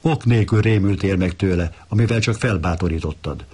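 A man voicing a sly male fox in a read-aloud fable, husky and coaxing. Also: low voice, mellow. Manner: coaxing, knowing.

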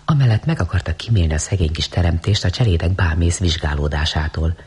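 A man narrating a story as an audiobook, reading in an expressive, dramatic way. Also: sits low, husky.

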